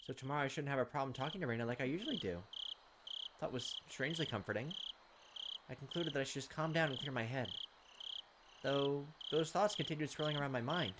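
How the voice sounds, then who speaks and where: A gaming video host reads a visual novel aloud, dramatically narrating its text and adding casual commentary, his medium-pitched voice moving quickly. The home recording is clearly noisy, with clicks and insect sounds over the game audio.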